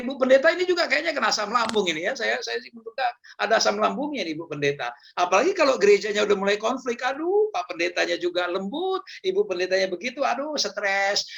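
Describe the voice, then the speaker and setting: Male seminar speaker, chatty and joking, high bright voice with gravel. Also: lively intonation, quick pace. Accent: Indonesian. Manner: chatty, joking, repeats words, laughs often. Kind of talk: casual humorous talk on personality types.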